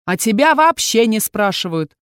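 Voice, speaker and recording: A woman's voice: mid-range voice, sing-song, a little slow, no room sound, studio quality. A woman voicing an angry, hot-tempered young male captain who snaps at others. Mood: snappish. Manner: snapping, fierce.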